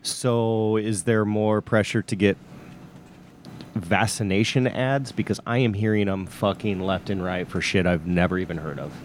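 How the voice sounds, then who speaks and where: Male co-host, lowish voice, excitable and profane, faint background hiss. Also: normal speed. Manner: excitable, swears freely. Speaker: podcast co-host. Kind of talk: casual chat.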